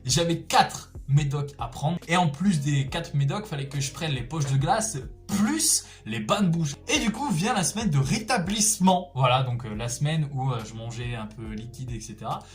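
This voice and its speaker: A young man chatting casually through a personal story, slangy and expressive, exclaiming for emphasis. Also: fairly high pitch, normal speed, few pauses, faint music behind. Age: young adult. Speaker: storytelling vlogger.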